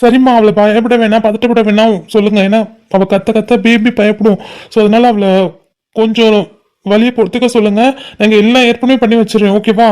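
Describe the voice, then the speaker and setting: A voice actor playing a calm young man, a doctor son, giving instructions and reassurance over the phone in a cartoon. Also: mid-range voice, a little fast, smooth, lightly acted. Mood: calm instructing. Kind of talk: cartoon voice acting.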